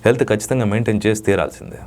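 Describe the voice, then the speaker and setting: A man who works as a dubbing artist answers interview questions in an emphatic, lecturing way. His voice sits low, with sudden loud jumps for emphasis. A faint room ambience sits behind him. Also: steady tone, very fast, a little hiss or hum.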